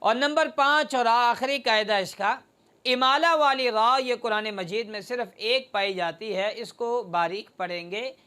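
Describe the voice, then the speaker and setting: A recitation teacher explains the rules in a methodical lesson, numbering each rule and drawing out the example words slowly. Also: mid-range voice, bright, forceful tone, clear, resonant tone.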